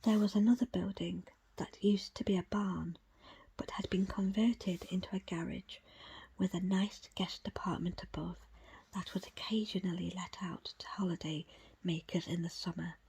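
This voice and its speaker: In ASMR style, a woman whispers an audiobook extract, her voice very breathy, almost entirely unvoiced, and slightly low with a crackly edge. Her phrasing is hushed and measured, with a steady tone and small pauses throughout.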